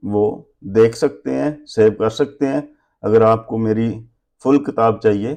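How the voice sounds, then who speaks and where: A man's voice: fairly low pitch, dark tone. A man teaching a language lesson, reading letters one by one and then explaining them plainly. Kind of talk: slow spelled-out language lesson.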